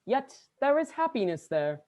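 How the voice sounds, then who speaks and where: A jolly giant spirit of Christmas, played by a woman, speaking with big swoops of pitch. The delivery is commanding and theatrical, in the manner of a radio play. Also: sing-song, moderate pace, darkish tone. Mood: genial, guiding. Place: student performer on a video call.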